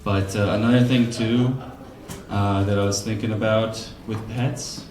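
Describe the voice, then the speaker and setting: A man's voice: fairly low pitch, steady tone, unhurried, a little mellow, slight background noise. Rambling man doing stand-up in an echoey club. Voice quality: loose, rambling delivery with frequent laughs and asides. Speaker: stand-up comic hosting an open mic. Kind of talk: stand-up comedy with crowd work. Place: comedy club stage. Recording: roomy club sound.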